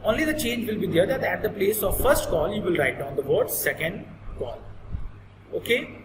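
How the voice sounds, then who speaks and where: A man's voice: high voice, sing-song, moderate pace. A man with an Indian accent and native Hindi, teaching in an instructive, repetitive explanatory style and often checking understanding. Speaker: accountancy teacher. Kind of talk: explanatory classroom lesson. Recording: echoey reverberant room with clear noise.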